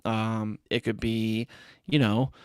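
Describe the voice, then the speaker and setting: A man's voice: on the low side, little pitch movement, takes it slowly, clear, resonant tone, dry recording, studio quality. A man hosting a casual sports podcast in an easygoing, slangy way, often calling his co-host "bro". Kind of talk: casual chat.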